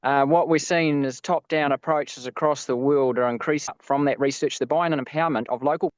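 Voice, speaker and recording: A man's voice: mid-range voice, steady tone, a little fast, no echo. A man in his fifties with a New Zealand accent, a farmer reading out a formal submission over a video call whose audio turns buzzy and glitchy and breaks up. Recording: dull lo-fi remote call line, dry.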